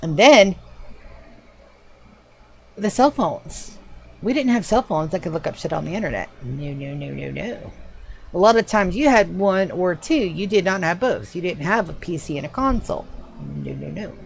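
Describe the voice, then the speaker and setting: A woman's voice: on the low side, animated, normal speed, slight background noise. A woman in her forties chatting on a live game stream, rambling and wry, swearing casually. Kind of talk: casual livestream chat.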